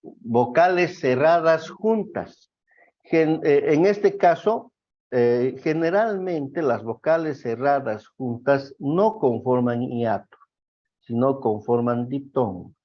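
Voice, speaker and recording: A man lectures a class at a slow, unhurried pace, stopping often to ask if everyone follows. The sound is dull and lo-fi. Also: medium pitch. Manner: slow, explanatory, checks with frequent questions. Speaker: teacher. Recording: dull lo-fi recording.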